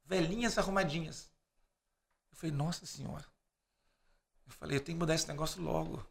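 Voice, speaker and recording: Speaking briskly in a slightly high, gravelly voice, a Brazilian man on a podcast shares anecdotes with energy. He takes on different voices for the quoted dialogue and laughs between lines as he tells them.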